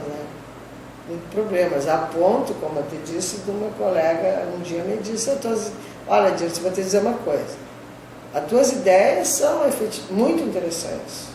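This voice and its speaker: In a fairly low voice, an older professor from the southern Brazilian border looks back on her career during an interview, her Gaúcho speech laced with Spanish words. She storytells conversationally, often ending sentences with "né?". Background noise is clear, and the distant mic captures a reverberant room.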